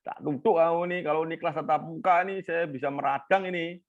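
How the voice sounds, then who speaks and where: A man's voice: fairly high pitch, fairly even intonation, quick pace. Teasing male lecturer, dull lo-fi call. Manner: teasing, quizzes students by name. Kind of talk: online class lecture.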